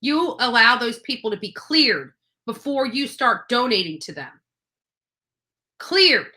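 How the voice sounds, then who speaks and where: Her voice sits fairly high and moves through big pitch swings, a little slow and sharp in tone. She's a livestream commentator on true crime, speaking off the cuff with firm opinions, emphatic accusations, and repeated phrases for force.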